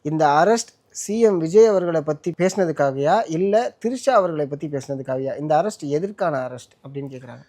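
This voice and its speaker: Probing man with a high voice. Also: a little fast, few pauses, mellow. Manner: probing, pushes back on answers. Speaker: interviewer. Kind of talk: casual Tamil interview questioning.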